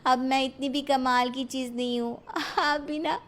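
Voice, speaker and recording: A woman's voice: sits high, fairly even intonation, moderate pace, lightly acted. A woman voicing a cheerful young bride who mishears everything in a cartoon. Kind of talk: cartoon voice acting.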